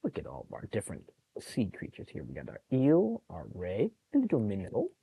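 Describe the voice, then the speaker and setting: A gravelly, lowish male voice with a breathy edge reads a picture book to young children at a public library, moving a little fast. The recording quality is low. He's animated and encouraging, stopping often for friendly remarks explaining the pictures.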